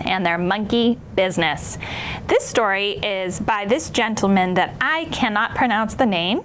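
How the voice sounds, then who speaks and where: A woman's voice: mid-range voice, a bit bright. A woman hosting a children's storytime, speaking in a playful, theatrical kids' entertainer manner directly to young listeners. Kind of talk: animated children's story reading and presenting. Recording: clear background noise.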